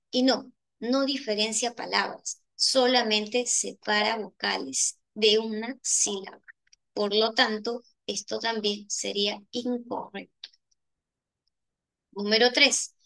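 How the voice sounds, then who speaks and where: A woman's voice: on the high side, fairly bright tone. A woman teacher walking through exam answers, explaining step by step and asking rhetorical questions, with a Peruvian Spanish accent. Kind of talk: exam solution lesson.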